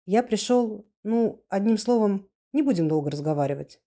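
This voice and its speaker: A woman's voice: medium pitch, expressive, normal speed, warm tone. A woman voicing a young male revolutionary who speaks in clipped, angry bursts. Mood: fierce. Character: young male revolutionary, hot-headed and fierce.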